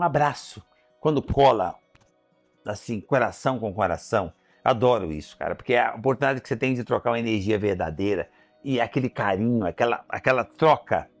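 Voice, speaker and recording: A middle-aged Brazilian entrepreneur, speaking with a Brazilian Portuguese accent, tells a heartfelt personal story full of emotion and acts out conversations he remembers. His voice sits at a medium pitch, and there's no echo.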